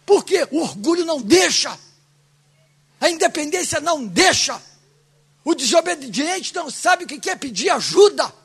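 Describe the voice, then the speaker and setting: A man preaching a fervent sermon as pastor, often shouting. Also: very high-pitched, very animated, moderate pace, gravelly.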